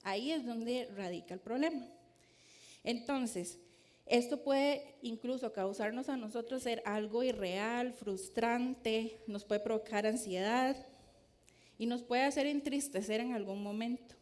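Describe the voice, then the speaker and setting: Woman, preacher, sermon with a story, asks the audience questions, fairly high voice. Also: measured pace, a little mellow.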